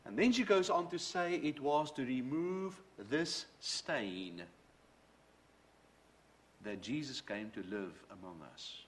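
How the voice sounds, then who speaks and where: A middle-aged man whose native language is Dutch preaches a sermon slowly in a medium-pitched voice with lively intonation, recounting his own faith story. He's earnest and storytelling in manner and quotes from books. Slight background noise can be heard.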